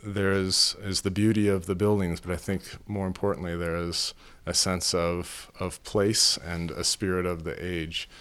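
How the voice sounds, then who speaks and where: A man answering interview questions earnestly, halting and restarting often. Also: deep voice, level tone, a bit bright, smooth. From Phoenix, Arizona. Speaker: house owner, interviewee.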